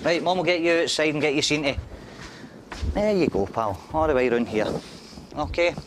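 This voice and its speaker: Broad Scottish man, loud background noise. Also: a little high, normal speed. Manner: reassuring, matey banter. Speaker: paramedic. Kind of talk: casual chat with a patient on the job. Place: inside an ambulance and a house on a call-out. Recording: noisy on-location documentary sound.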